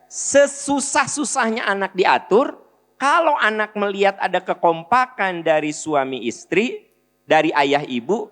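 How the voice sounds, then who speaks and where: A middle-aged man preaching with a Sundanese accent, acting out family conversations in an animated way. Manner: animated, acts out family dialogues with shifting pitch. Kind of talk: sermon. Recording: long hall reverb.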